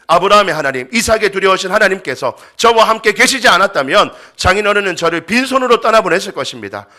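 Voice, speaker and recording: A man's voice: high-pitched, voice pushed up. A man preaching and acting out a furious, wronged middle-aged herdsman who rants nonstop at his father-in-law. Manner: indignant nonstop loud tirade.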